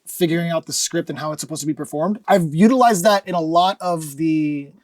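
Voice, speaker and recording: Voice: mid-range voice, brisk, darkish tone, no echo, clean studio sound. A fighting game commentator reflecting casually in an interview, with many fillers.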